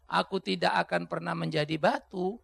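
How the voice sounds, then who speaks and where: A male pastor preaching a topical sermon in a colloquial, animated way, breaking into sudden emphatic shouts. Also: high voice, normal speed, vocal fry, slightly rough, no echo.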